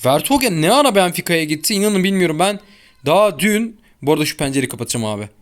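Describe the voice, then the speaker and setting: This fast-talking young man has a highish voice with big swings in pitch, chattering slangily over his gameplay for his gaming channel. He's frequently exasperated and grumbling as he records at home. Through an open window nearby, a child is audible outdoors.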